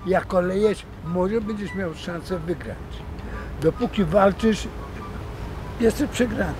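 A man's voice: high voice, unhurried. A man in his eighties chatting outdoors by apartment blocks, giving blunt, firm advice. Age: 80s. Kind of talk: casual street chat. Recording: outdoor street noise.

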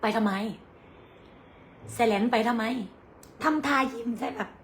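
A woman's voice: on the high side, unhurried, a little hiss or hum. A young woman with an Isan Thai accent, bluntly scolding her rivals on a livestream in crude, angry words.

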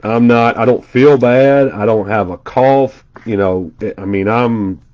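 At a table in an indoor room, a congested man gives casual live commentary while opening trading card packs, rattling off player names between chatty asides. His voice is fairly low, a little slow and slightly mellow, and the audio sounds dull.

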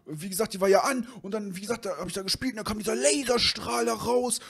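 A man putting on a squeaky, excitable teenage boy. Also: quick pace, vocal fry, slightly rough, full character voice. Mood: excited. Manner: high-pitched and breathless, pleading. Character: excitable teenage boy buddy, jittery and defensive.

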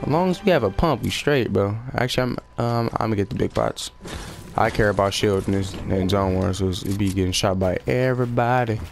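A man's voice: on the low side, fairly quick, vocal fry, faint music behind. A young man casually commentating his own video game play, slangy and swearing when frustrated. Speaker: gaming YouTuber.

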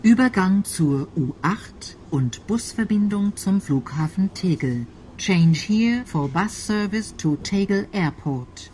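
A woman reading scripted station announcements as a transit announcer, in a formal, measured and clearly enunciated way. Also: mid-range voice, lively intonation, darkish tone, a little hiss or hum, low-quality recording.

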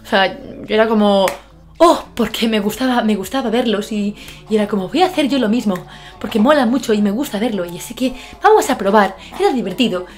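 With a medium pitch and a fairly quick pace, a twenty-something woman from Galicia, Spain, talks in a Galician Spanish accent while faint music plays behind her. She's a YouTuber doing a casual reaction vlog in her bedroom, excitable and self-deprecating with bursts of shouting and laughter, using a webcam and earphone mic.

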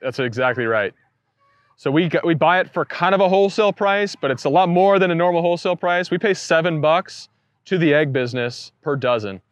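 A man in his thirties, a poultry farmer, explaining his operation in a relaxed, matter-of-fact way during an outdoor farm tour. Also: a little high, fairly quick, no echo. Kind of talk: casual farm tour talk. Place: outdoors on a farm pasture beside a coop.

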